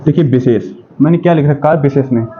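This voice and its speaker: A man's voice: medium pitch, quick pace, a little hiss or hum. A man teaching a Hindi grammar lesson for exam preparation, asking questions and answering them himself, with many "okay"s. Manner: repeats questions and answers them himself, says "ठीक है" often. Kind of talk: classroom-style lesson. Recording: dull lo-fi sound.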